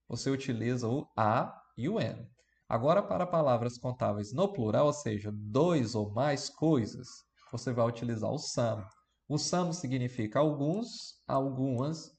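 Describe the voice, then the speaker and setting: A Brazilian man teaching an English grammar lesson, explaining step by step and often checking in with the class. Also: mid-range voice. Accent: Brazilian Portuguese. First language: Portuguese. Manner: plays the student asking questions, then answers.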